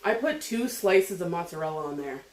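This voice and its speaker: A woman's voice: on the low side, animated, normal speed, a little mellow, a little hiss or hum. A woman chatting casually to camera as a mukbang host, chewing while talking between bites of her meal. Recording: echoey room.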